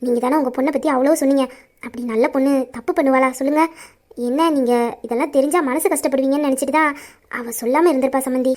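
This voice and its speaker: Doting middle-aged mother-in-law, voiced by a woman, high, persuasive, audio drama. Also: fairly even intonation, quick pace, close to an everyday voice. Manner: emphatic, persuasive.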